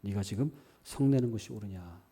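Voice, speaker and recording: A man pastor preaching a sermon, animated, acting out quoted dialogue and asking the listeners rhetorical questions. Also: lowish voice, a little fast, husky.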